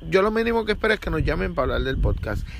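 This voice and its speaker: A man's voice: sits high, very animated, racing, gravelly. A man hosting a podcast, asking questions in a chatty, playful, slangy way. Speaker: podcast host. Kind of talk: casual interview chat. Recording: noisy outdoor street recording.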